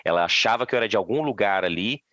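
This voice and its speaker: A man's voice: fairly low pitch, animated, racing, fairly bright tone, dry recording, dull audio. A Brazilian man chatting on a podcast, telling stories with many restarts. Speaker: podcast guest. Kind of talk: casual podcast chat.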